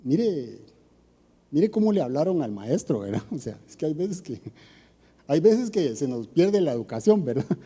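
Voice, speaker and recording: A man with a Costa Rican accent preaches a sermon in a chatty, questioning manner. His voice sits a little high but sounds dark and mellow. A long church reverb trails behind every phrase. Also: very animated, normal speed, husky. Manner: conversational preaching with rhetorical questions.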